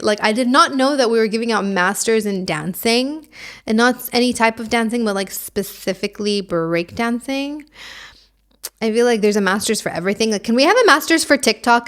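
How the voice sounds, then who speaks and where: Chatty gulf woman hosting a podcast, giggles a lot, says like constantly, kinda high voice. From Gulf region. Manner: chatty, giggly, rambling, lots of "like". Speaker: podcast host. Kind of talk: casual chat.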